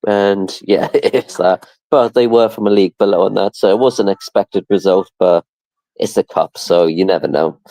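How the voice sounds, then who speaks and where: A relaxed English co-host with a low, mellow voice, running through a brief club history. He speaks casually with the odd "um". The recording is dry and close. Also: normal speed, no echo, rough recording. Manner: relaxed, brief reports with fillers. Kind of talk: casual livestream chat.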